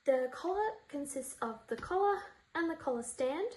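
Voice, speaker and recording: A woman's voice: sits high, expressive, normal speed, darkish tone, poor audio. A woman hosting a sewing tutorial, chatting informally and playfully as she talks viewers through each step. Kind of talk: informal step-by-step craft demonstration.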